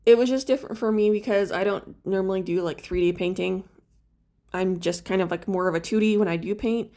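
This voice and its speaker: A crafts vlogger with a warm, medium-pitched voice chats briskly while painting a small figure for her vlog. Having just woken up, she rambles casually and uses lots of fillers.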